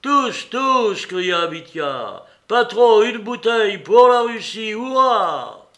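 A man doing a loud, rash young reveller. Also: sits high, lively intonation, takes it slowly, voice pushed up, heavily acted. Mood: rowdy toasting. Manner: shouting toasts, raised voice.

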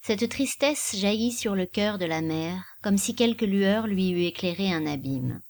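A woman narrating a classic novel in a measured, literary reading. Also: medium pitch, lively intonation, a little mellow, no room sound.

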